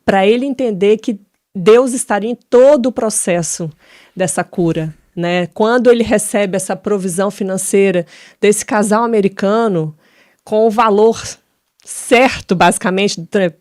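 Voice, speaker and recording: A woman host with a mid-range voice sums up the guest's story in a calm, conversational way. The sound is dry and close, with no room echo. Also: medium pitch, measured pace. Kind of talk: conversational commentary.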